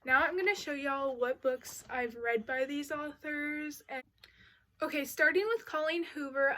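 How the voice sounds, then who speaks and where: A young woman talks through her favorite books in a relaxed, unhurried way. Her voice sits high, and she gushes with plenty of filler words. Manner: gushing, uses y'all and like often. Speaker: book vlogger. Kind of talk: casual book review chat.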